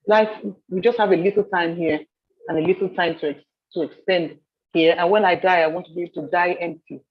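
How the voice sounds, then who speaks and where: A woman from Nigeria leading a soft skills training session, telling stories with animated repetition. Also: fairly low pitch, slightly rough, muffled recording. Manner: animated storyteller, repeats phrases. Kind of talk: training seminar talk.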